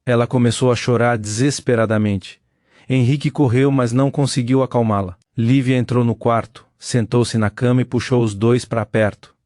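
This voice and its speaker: A man's voice: medium pitch, fairly even intonation, moderate pace, darkish tone, no echo, studio quality. Solemn male storyteller. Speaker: narrator. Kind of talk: scripted dramatic narration.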